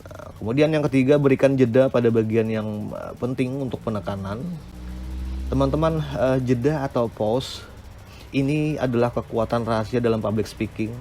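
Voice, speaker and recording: A man's voice: mid-range voice, normal speed, dark tone, faint music behind. A man giving an academic lecture on speaking technique, explaining step by step with frequent hesitant "eh" fillers.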